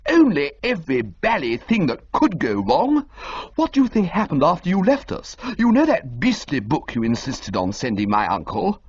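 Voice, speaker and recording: A woman voicing an excitable, flustered young gentleman who rushes out agitated exclamations. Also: sits low, breathy edge, heavily acted. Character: flustered young man-about-town, excitable and dramatic. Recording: dull lo-fi recording.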